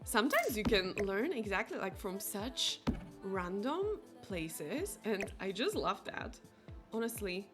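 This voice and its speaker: With faint game music in the background, a young non-native English speaker with a Slovak accent chats casually as she streams a game, peppering her speech with "like" and reading viewers' chat out loud. Her voice is medium-pitched with big pitch swings, and she takes it slowly.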